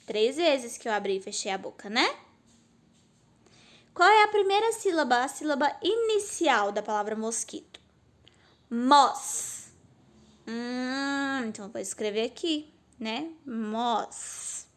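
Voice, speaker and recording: Woman teacher, high voice, patient explainer asking and answering her own questions. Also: big pitch swings, moderate pace. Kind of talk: recorded remote class lesson.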